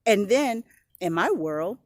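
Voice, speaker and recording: A middle-aged woman vlogger speaks earnestly and from the heart in a reflective personal vlog, searching for words and sniffling now and then. Her mid-range voice is animated and slow with a darkish tone. The dry recording was made outdoors on a phone or camera, with an airplane passing overhead.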